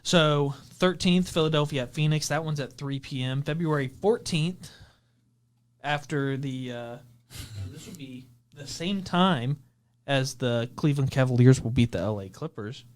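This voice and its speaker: Smooth-voiced man reading off game schedules. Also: mid-range voice, a little slow. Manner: runs through game schedules with fillers. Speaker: podcast co-host. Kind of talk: casual sports chat.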